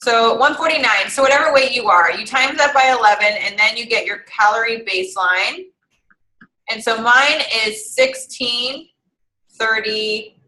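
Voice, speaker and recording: Bright, high-voiced chatty woman coach. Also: moderate pace, echoey room, poor audio. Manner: chatty, encouraging, thinking aloud through calculations. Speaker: fitness coach. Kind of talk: casual online group coaching.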